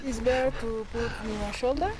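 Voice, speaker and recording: A woman's voice: on the high side, fairly quick. A woman mountain porter guide giving short, simple encouraging replies outdoors. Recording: from off-mic, faint noise.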